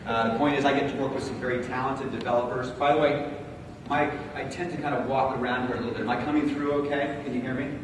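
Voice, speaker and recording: A big-voiced man gives a conference talk in a large hall, speaking casually with many fillers and asking the audience for answers. His pitch is medium, his tone steady, his pace quick. The distant mic picks up echo and room noise.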